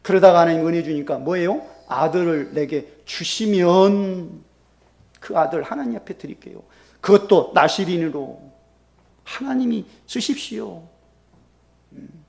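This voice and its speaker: Man, pastor, sermon, high voice, gravelly, lively pitch, loud bursts and soft drops. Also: a little slow. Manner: animated preaching, acting out quoted prayers with sudden loud bursts and soft drops.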